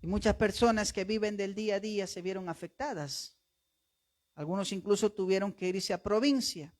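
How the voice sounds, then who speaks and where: A man's voice: sits high, moderate pace. Emphatic male pastor preaching. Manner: animated storytelling, acts out family voices; emphatic, rising to loud calls at the close. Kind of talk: sermon with retold story.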